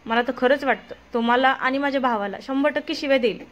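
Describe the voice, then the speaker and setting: A woman's voice: high voice, fast, close to an everyday voice. A woman voicing a chatty, gossipy young female friend.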